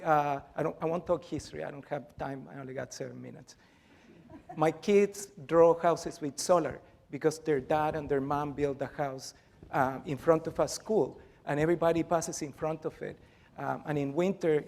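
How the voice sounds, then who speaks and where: A man from Chile, a university professor, giving a brisk, informal conference talk with light jokes. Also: a little high, creaky.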